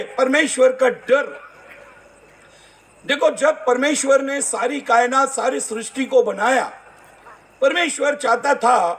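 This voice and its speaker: Middle-aged male Indian pastor, very high voice, story-driven sermon with voiced dialogue. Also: a bit bright. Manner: storytelling, acts out dialogue, calls to congregation. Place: church gathering hall.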